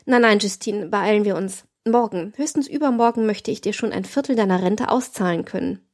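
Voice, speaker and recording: A woman's voice: medium pitch, brisk, a little mellow, lightly acted. A woman voicing a cruel, scheming young nobleman in an audiobook, lofty and lecturing. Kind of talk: audiobook reading.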